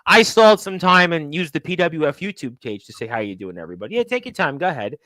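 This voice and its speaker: A chatty male host with a high, bright voice runs a casual wrestling talk show. He laughs often and calls out viewers from the chat. The sound is dry and close. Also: big pitch swings, fast, no echo, poor audio. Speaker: podcast host.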